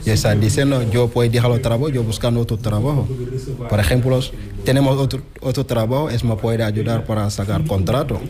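A man from Senegal, speaking in halting, simple, broken sentences in a street interview. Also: medium pitch, fairly even intonation, a crowd in the background. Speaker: farm worker interviewed on the street.

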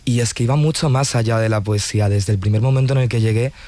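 A man's voice: medium pitch, quick pace, mellow. A man who is a poet and journalist, a guest in a radio studio, telling stories fluently and with enthusiasm. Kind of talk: radio interview.

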